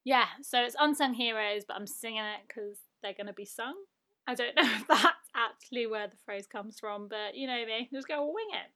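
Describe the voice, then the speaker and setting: A woman's voice: on the high side, normal speed, bright, forceful tone. A young woman hosting a casual podcast, chatty and self-mocking, often laughing as she reads listener emails. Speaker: podcast host.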